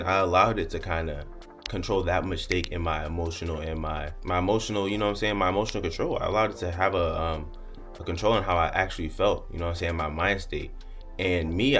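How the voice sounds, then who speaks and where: Young man, low voice, quick talker, profane, rambling, half-laughing, soft music behind. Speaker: content creator. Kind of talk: casual candid monologue to camera.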